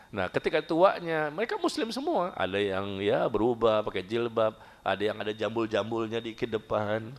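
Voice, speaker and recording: A middle-aged man preaching a humorous sermon to a study gathering, joking and often jumping high in pitch for emphasis.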